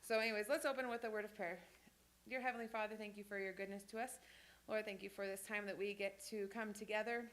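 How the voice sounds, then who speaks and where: Speaking at a quick pace with fairly even intonation, a medium-pitched, fairly bright-toned woman in her thirties leads a sign language class at church. She rambles casually through stories and restarts often, recorded in an echoey church hall.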